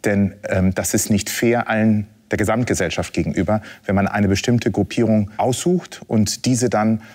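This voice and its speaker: A man speaking as a panelist in a casual discussion, slow and deliberate. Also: lowish voice, steady tone, darkish tone.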